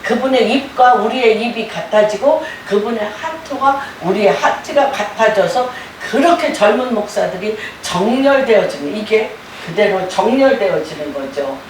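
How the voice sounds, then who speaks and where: A woman pastor preaching a sermon in a church, with animated delivery that rises to loud exclaimed quotes. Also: mid-range voice, normal speed, hardly any pauses, a little hiss or hum. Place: church sanctuary. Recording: roomy sound from a distant mic.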